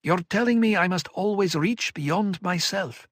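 A man's voice: unhurried, a bit bright, no echo, clean studio sound. A man voicing an anguished young woman. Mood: angry. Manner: pleading, emotional, raised pitch. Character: anguished young woman, former warrior sister.

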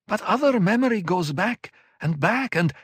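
A man's voice: expressive, moderate pace, a bit bright, husky, no room sound, studio quality, exaggerated voice. A man voicing an anguished young woman. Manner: pleading, emotional, raised pitch. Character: anguished young woman, former warrior sister.

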